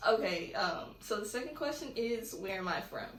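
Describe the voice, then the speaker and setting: Chatting and wandering off topic, a young woman from California answers questions in a home vlog. Her mid-range voice is expressive and a bit bright, moving at normal speed. Faint noise and echo fill the room.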